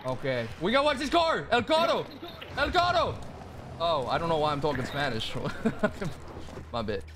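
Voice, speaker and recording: High, lively gamer man shouting at players. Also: normal speed, background noise. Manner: loud, playful, teasing. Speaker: gaming streamer. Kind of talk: excited gameplay commentary and trolling.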